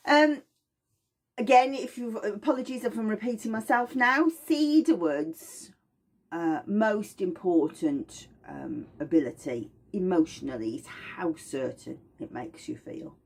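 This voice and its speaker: A woman giving a gentle, rambling lesson on aromatherapy. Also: fairly low pitch, expressive, a little slow, husky. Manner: gentle, rambling, personifies plants. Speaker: aromatherapy teacher. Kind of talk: informal lesson.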